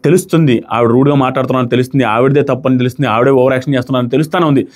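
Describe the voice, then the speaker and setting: A man's voice: mid-range voice, steady tone, rapid-fire. A man reviewing a reality show in casual, argumentative talk, often acting out what contestants said. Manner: emphatic, argumentative, re-enacts quotes loudly.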